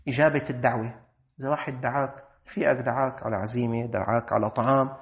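A man with a Syrian accent giving a colloquial religious lesson, lively and acting out everyday dialogues. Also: medium pitch, fast talker, highs cut off. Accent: Syrian Arabic. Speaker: Islamic religious teacher.

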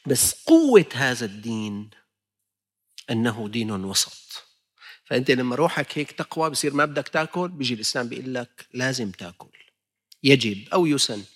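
A man's voice: mid-range voice, a bit bright, husky. A man with a Levantine Arabic accent preaching a sermon in a conversational storytelling way, full of rhetorical questions.

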